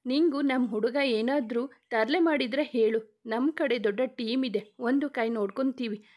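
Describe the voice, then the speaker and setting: A man's voice: very high voice, moderate pace, darkish tone. A woman voicing a playful young male friend who jokes and teases the bride. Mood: joking. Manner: joking, then apologetic.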